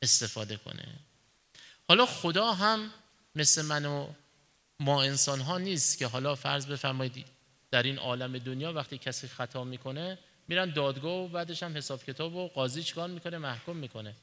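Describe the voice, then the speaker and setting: A man's voice: on the high side, pushed and bright, in a large hall. A man preaching a sermon, asking rhetorical questions and answering them himself, and telling everyday stories to make his point. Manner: tells illustrative stories in everyday speech.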